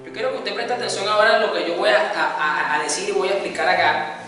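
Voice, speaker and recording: A man's voice: sits high, fast. A man preaching a sermon, explaining scripture and acting out the quoted dialogue in a teaching manner. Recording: echoey hall, voice from a distance, soft music.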